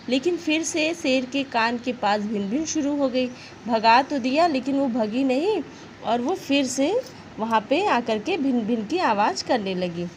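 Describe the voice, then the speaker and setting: High-voiced woman teacher explaining a story. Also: slight background noise, low-quality recording. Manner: explains words simply, checks in with "ठीक है?". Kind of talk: reading and explaining a children's story.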